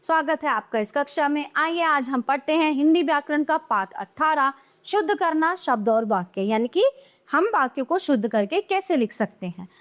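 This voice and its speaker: High-voiced woman teaching children. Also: expressive, normal speed, fairly bright tone. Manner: sing-song, rising on wrong forms and falling on right ones. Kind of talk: children's grammar lesson.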